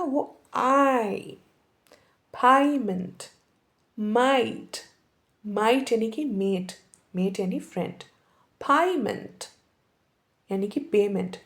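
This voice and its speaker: A woman's voice: a little high, dark tone. Woman teaching pronunciation. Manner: mixes English words into the talk, demonstrates accents. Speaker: English teacher. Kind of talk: casual explanatory lesson.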